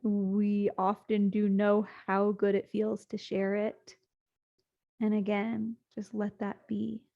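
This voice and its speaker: A woman with a gravelly voice guides a sleep meditation, speaking soothingly at a gentle pace with long pauses. Her pitch barely changes, and the audio sounds slightly muffled and lo-fi.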